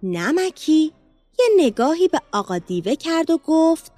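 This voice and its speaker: A woman narrating a children's storybook in a lively, expressive read-aloud manner. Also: high voice, faint music behind.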